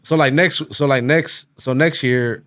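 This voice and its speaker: A man's voice: medium pitch, steady tone, a little slow, a bit bright, dry recording. A man hosting a casual interview, talking in a rambling, slangy way. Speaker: interview host. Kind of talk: casual chat.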